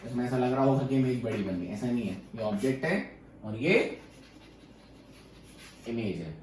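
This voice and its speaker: A man teaching a physics class, firing quick questions at students and answering them himself. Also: mid-range voice, slight background noise. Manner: quizzing students with rapid questions. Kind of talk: classroom lecture. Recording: very echoey room, far from mic.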